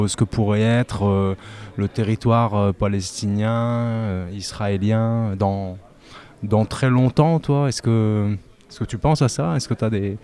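A man's voice: on the low side, darkish tone. A man interviewing a guest, asking long searching questions padded with fillers. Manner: searching, fills pauses with "euh".

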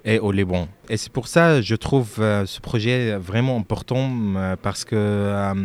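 A man from Lebanon answering interview questions about his music, speaking haltingly with frequent fillers and restarts. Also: lowish voice, clear, resonant tone.

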